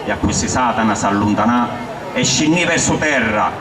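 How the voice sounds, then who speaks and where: A man's voice: on the low side, expressive, a little fast, crowd noise. A man with a Sicilian accent gives a live recitation of dialect poetry in a declamatory, storytelling way. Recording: roomy echo, distant mic, clear background noise.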